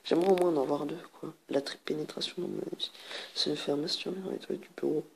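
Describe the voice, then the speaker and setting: This video host talks fast in a low, steady voice with vocal fry and a darkish tone, over slight hiss or hum. During her let's play of an online party card game, she reads cards aloud, laughs often, and tells crude jokes.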